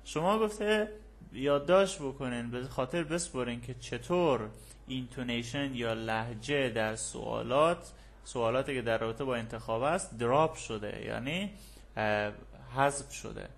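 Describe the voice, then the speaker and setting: A man teaching an English textbook lesson, reading the English lines slowly and deliberately, then explaining them in quick, casual Persian with an Afghan Dari accent and frequent fillers. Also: medium pitch, gravelly.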